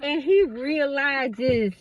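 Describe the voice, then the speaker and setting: A woman's voice: sits high, very slow, no echo, muffled recording. A woman vlogger talking to her viewers in a casual monologue, emphatic and preachy, addressing them directly.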